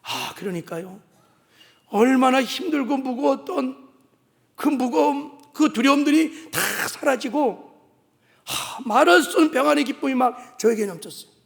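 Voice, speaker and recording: Man, senior pastor, high voice, repetitive emphatic sermon, long hall reverb. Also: animated, moderate pace, gravelly. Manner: emphatic, repetitive preaching that builds to shouts. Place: church sanctuary.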